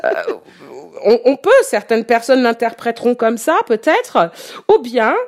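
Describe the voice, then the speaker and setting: A woman's voice: on the high side, measured pace. A woman presenting a music column on the radio in casual chat, hesitant with many fillers and restarts, often laughing as she talks. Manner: laughs easily while talking. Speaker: radio columnist presenting new German rock.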